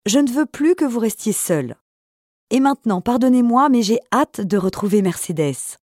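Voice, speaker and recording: Woman playing an earnest young sailor, emotional, fairly high voice, dry close sound. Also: animated, moderate pace, a little mellow, no echo. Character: eager young male sailor, twenty.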